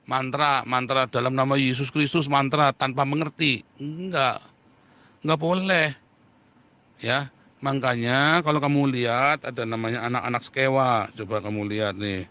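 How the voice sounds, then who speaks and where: A man's voice: medium pitch, steady tone, normal speed, sharp tone, no room sound. A middle-aged man preaching a Bible lesson, reading scripture aloud and firing rhetorical questions with mocking imitations. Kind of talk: sermon-style Bible teaching.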